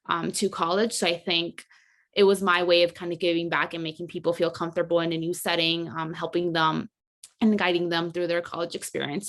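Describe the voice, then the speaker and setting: A woman's voice: fairly low pitch, fairly bright tone. A woman in her twenties, originally from Colombia and raised in South Florida, answering interview questions in a modest, reflective way. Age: 20s. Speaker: guest, graduate student.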